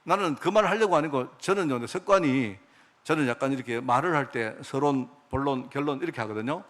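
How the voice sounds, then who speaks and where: A middle-aged pastor preaches a sermon fast in a medium-pitched voice, repeatedly putting questions to the congregation and answering them himself. At phrase ends he drops into quiet asides.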